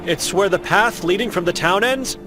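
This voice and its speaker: A man's voice: sits high, moderate pace, music in the background, natural voice. A man voicing a young monk in a game who is searching for his sister, polite and earnest as he presses with questions. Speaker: game protagonist.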